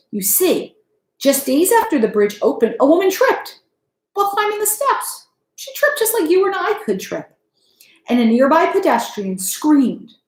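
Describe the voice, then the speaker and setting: Reading a children's story aloud with the air of a school principal, a middle-aged woman speaks in a fairly high voice, expressive and teacherly, and puts questions to her listeners. The setting is a small room in her home, and the audio is roomy and of poor quality.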